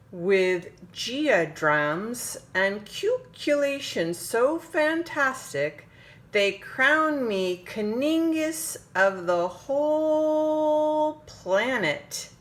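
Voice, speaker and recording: A parent reads a picture book aloud, a woman taking her time over every phrase. Her animated pitch rises and falls, and she stretches words dramatically, pausing for suspense.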